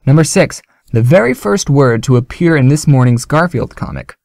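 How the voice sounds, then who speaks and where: Lively, joking male YouTuber. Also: mid-range voice, normal speed, vocal fry, dry recording, clean studio sound. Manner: joking, animated delivery. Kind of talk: casual vlog talk.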